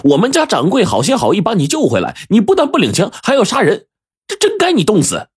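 A man voicing a young shop assistant who scolds quickly in a shrill, husky voice. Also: wildly swooping pitch, darkish tone, no room sound, clean studio sound, heavily acted. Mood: scolding. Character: sharp-tongued young male shop assistant.

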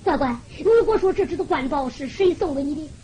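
A poor blind old mother, fretful and close to tears, pleads and scolds in a Henan accent, as a woman storyteller puts her on. Her sobbing, sing-song words ride on a very high, thin voice. It comes through a folk ballad performance. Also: quick pace, mellow, a little hiss or hum, lightly acted. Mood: stern.

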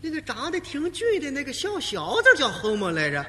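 A man voicing a bossy old woman, the mother of a warlord, who scolds and shouts demands in a live comic routine. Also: extremely high pitch, huge pitch swings, fairly quick, in a large hall, a little hiss or hum, heavily acted. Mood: demanding.

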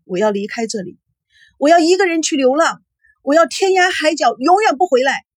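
A woman's voice: expressive, normal speed, husky, no echo. A woman voicing a hysterical, distraught young woman who screams and sobs at her parents. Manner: shrill screaming, sobbing outbursts.

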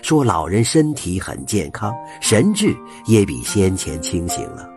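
A man telling a folk tale with an animated, expressive delivery. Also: low-pitched, measured pace, over music. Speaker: storyteller.

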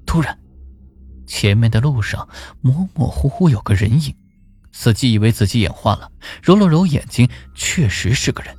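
Expressive male storyteller over faint music. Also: medium pitch, moderate pace. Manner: expressive, suspenseful. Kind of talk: dramatic story narration.

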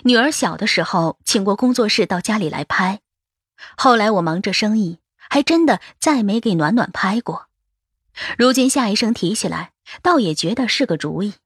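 A woman's voice: medium pitch, animated, normal speed, husky, no room sound, studio quality. A woman narrating a first-person novel as an audiobook, in a wistful, emotive storytelling manner.

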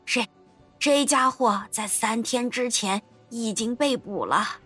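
A woman's voice: on the high side, takes it slowly, a bit bright, breathy edge, soft background music, full character voice. A woman doing a breathless stammering detective man. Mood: stammering apology. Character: flustered stammering male detective.

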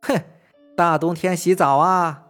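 A man's voice: on the high side, fairly even intonation, slow, fairly bright tone, faint music behind. Man voicing a brash bossy servant. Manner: mocking, bossy to underlings. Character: bossy servant, fawning to master.

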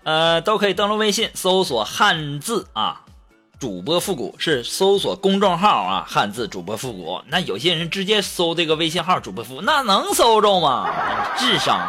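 Guy hosting a joke show, high voice, teasing and chatty, music underneath. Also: big pitch swings, normal speed, pushed and bright. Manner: chatty, teasing, laughs at his own jokes. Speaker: podcast host reading listener jokes. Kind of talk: comic joke-telling show. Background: background music.

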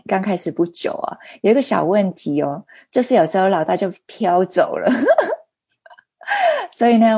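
A woman's voice: fairly low pitch, gravelly, a little mellow, breathy edge, no room sound. A woman speaking as a style speaker, mixing in English words and searching for terms while giving an informal testimonial on a video call. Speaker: participant sharing experience in meditation club.

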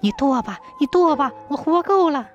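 A woman voicing a pregnant young village wife who is upright and defiant, scolding in a high, indignant voice. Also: animated, moderate pace, a little mellow, highs cut off, faint music behind. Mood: despairing.

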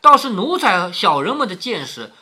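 A shrewd, sharp-tongued young noblewoman from a classic novel, read aloud by a man. The voice is bright, and its pitch swings widely as she plays the injured party with sly complaint. It sounds like a storybook reading at home. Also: very animated, normal speed, breathy edge, heavily acted. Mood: sly aggrieved.

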